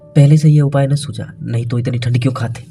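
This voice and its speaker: A loyal, cheerful farm dog, as a male storyteller voices him, answering in a contented, mellow, even voice close to the narrator's own. Soft music plays beneath. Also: medium pitch, fairly quick, gravelly, far from the mic, natural voice.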